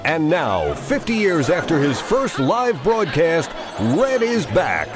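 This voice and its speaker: A man's voice: on the high side, wildly swooping pitch, slow pace. A man reading an infomercial script as a hard-sell ad announcer, with an emphatic promotional delivery over music.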